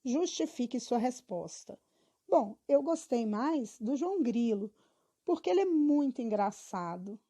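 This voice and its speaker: Schoolgirl reading her homework out loud, kinda high voice, trips over a word here and there. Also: expressive, unhurried. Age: about 12. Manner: reads evenly with small stumbles and restarts. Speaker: student. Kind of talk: reading homework answers aloud.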